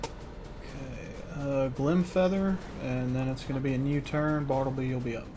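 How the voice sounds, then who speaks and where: A man improvising narration as game master of a tabletop game, explaining in a halting way. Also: medium pitch, steady tone, music in the background. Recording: faint background noise.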